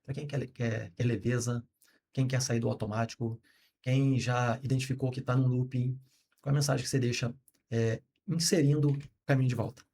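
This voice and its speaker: Male podcast host, average pitch, measured interviewer. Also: fairly even intonation, darkish tone, slight background noise.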